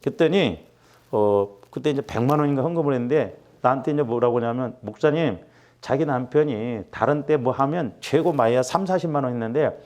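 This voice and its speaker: A man's voice: medium pitch, a little fast. A middle-aged man preaching as a pastor, telling a personal story and acting out the quotes. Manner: animated, acts out quotes with rising intensity. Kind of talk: sermon with storytelling.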